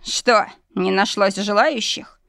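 A woman's voice: slow pace, gravelly, fairly bright tone, no room sound, clean studio sound. Woman doing a huffy dwarf groom. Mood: indignant. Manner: shrill, huffy. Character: indignant male dwarf groom, pompous.

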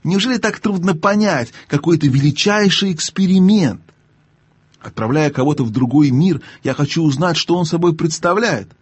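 A man voicing a pompous, cowardly old male sorcerer-scientist in a storybook reading, lecturing and haughty, with a husky voice. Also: medium pitch, lively intonation, normal speed, darkish tone, no room sound. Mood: outraged. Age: older.

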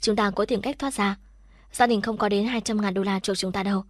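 A woman's voice: medium pitch, steady tone, fairly quick, no echo, clean studio sound, close to an everyday voice. A woman narrator voicing a defiant young man held captive, speaking firmly. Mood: strained.

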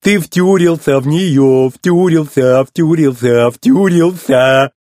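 A man putting on a rusty old tow truck who is goofy, teasing and boastful, stretching his words out in a slow, sing-song drawl. The voice sits well above a normal man's speaking pitch and swoops widely, with a husky edge, and it sounds close and dry. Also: animated, darkish tone, no echo. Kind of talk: storybook reading.

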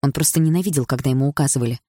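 A woman reading an audiobook in steady, even storytelling narration. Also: rumbling low, very fast, no room sound, studio quality. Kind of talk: scripted narration.

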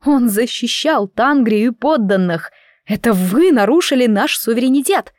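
A woman's voice: fairly high pitch, moderate pace, darkish tone, dry recording, studio quality, lightly acted. A woman voicing a wounded young woman prisoner in an audiobook, bitter and pleading, breaking into cries. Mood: bitter anguish. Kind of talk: audiobook character voice.

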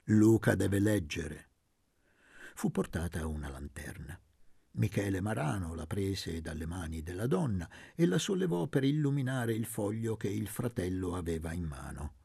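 A man reads a literary novel aloud with a lively, expressive delivery. His low voice is husky and gravelly, recorded close in a dry room. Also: moderate pace, no echo. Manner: dramatic, expressive reading. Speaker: audiobook reader. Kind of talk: literary audiobook narration.

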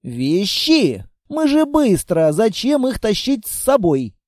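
A man's voice: sits high, huge pitch swings, a little mellow, dry recording, studio quality, exaggerated voice. A man reading aloud, voicing a sad, sarcastic little girl who never grows up. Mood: eager. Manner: quick, sulky and sarcastic. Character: sad, sharp-tongued immortal little blonde girl.

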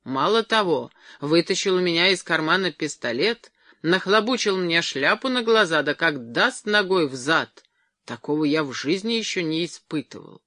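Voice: mid-range voice, expressive, normal speed, sharp tone, no room sound, clean studio sound. A reader voicing a drunken, blustering brother in an audiobook, growling and cursing. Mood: furious. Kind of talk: audiobook character voice.

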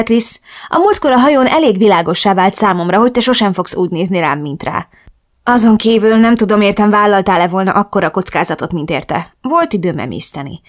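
A woman's voice: mid-range voice, close to an everyday voice. A woman voicing a young man, the heroine's devoted best friend, in an earnest, reassuring way.

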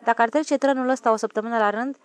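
A woman's voice: fairly high pitch, steady tone, clean tone, no room sound, lightly acted. A woman voicing an eager, bossy and suspicious station chief in an audiobook. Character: excitable fussy middle-aged male station chief. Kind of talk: audiobook character voice.

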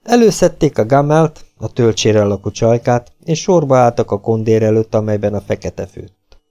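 A man reading an adventure novel aloud as an audiobook, with a measured, dramatic delivery. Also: medium pitch, animated, mellow. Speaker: audiobook reader. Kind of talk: audiobook narration.

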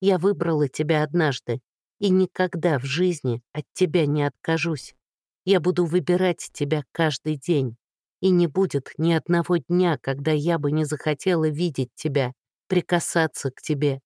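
Woman reading a raspy whispery young heroine, sorry and tender, dry close sound. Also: deep voice, steady tone, normal speed, mellow, no room sound, lightly acted. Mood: pleading, tender. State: hoarse. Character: hoarse young woman, remorseful and loving. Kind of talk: audiobook reading.

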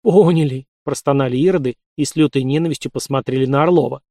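A man narrating an audiobook in a lively, playful storytelling manner. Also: mid-range voice, fast, no echo.

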